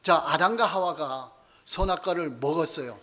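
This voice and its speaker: A man with a fairly high voice preaches a Bible study sermon in a church. He keeps asking his listeners questions and then answers them himself. He slows down and lets his voice fall softer at the end of each key point. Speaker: pastor.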